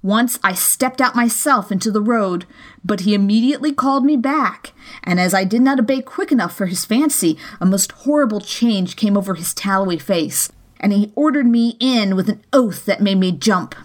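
A woman narrating a classic novel as an audiobook in a steady, measured storytelling manner. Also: medium pitch.

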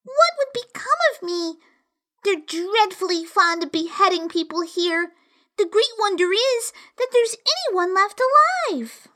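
A woman's voice: very high voice, animated, a little slow, bright, forceful tone, voice pushed up, exaggerated voice. A woman voicing a curious young girl who complains in a prim, fretful way. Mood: anxious.

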